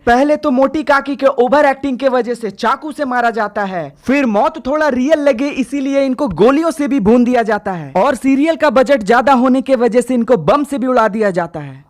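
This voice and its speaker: A woman hosting a scripted comic roast, speaking with crude, slangy, exasperated sarcasm. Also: a little high. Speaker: roast video host.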